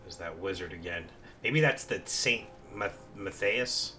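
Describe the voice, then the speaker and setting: A man's voice: low-pitched, measured pace, pushed and bright, a little hiss or hum. A man casually commenting on a video game as he plays, rambling with many fillers. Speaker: gameplay commentator. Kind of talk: let's play commentary.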